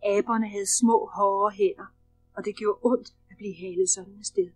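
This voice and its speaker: A woman narrating a children's storybook in a lively, expressive way. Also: medium pitch, faint music behind, poor audio. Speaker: audiobook narrator.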